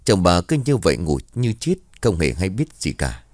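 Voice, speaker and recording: Deep-voiced man telling a ghost story. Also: sing-song, moderate pace, dry recording. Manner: dramatic storytelling. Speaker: narrator. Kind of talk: scripted narration of a ghost story.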